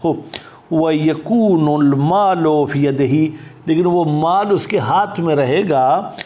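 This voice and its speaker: Guy teaching a seminary text, reads the arabic real slow then explains, kinda high voice, asks himself questions. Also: mellow. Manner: asks and answers his own questions. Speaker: teacher of Islamic jurisprudence. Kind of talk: religious text lesson.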